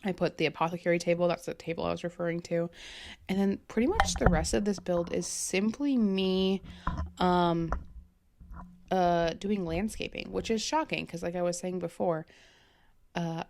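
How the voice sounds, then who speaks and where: A woman's voice: fairly low pitch, moderate pace, creaky, background noise. A young woman, rambling casually and with self-deprecating humor in a voice-over about her game build. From American Midwest. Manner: rambling, chatty, self-deprecating, lots of fillers. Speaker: game content creator.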